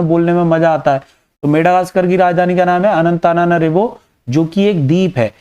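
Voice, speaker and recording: A man teaching geography in Hindi with an Indian accent, walking through a map and turning key facts into quick questions with frequent "है ना" checks. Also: high-pitched, darkish tone, clean tone. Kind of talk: exam-prep map lesson.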